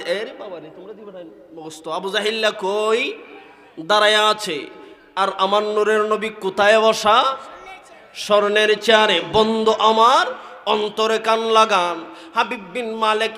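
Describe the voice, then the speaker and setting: A man with a Sylheti Bengali accent preaching a sermon at an outdoor religious gathering, shouting with emotion and chanting in a sing-song voice. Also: sits high, big-room sound.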